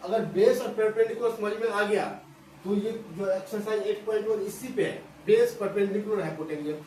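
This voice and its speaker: At a board in a school maths lesson, a man with a high, mellow voice explains things step by step at a normal pace, repeating phrases and often checking that students are following. He is recorded from a distance in an echoey room with faint hiss.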